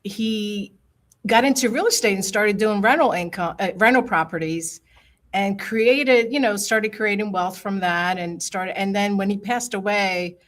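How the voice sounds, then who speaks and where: A woman's voice: mid-range voice, unhurried, fairly bright tone. An older woman from Italy, a realtor, telling her family story in a rambling, personal way during a casual group chat. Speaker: realtor and app founder.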